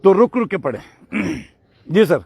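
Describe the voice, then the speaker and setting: A man teaching Quran recitation, patiently correcting a student and slowly modelling each word. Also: sits high, lively intonation, darkish tone, husky, no echo. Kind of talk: tajweed lesson correcting a student.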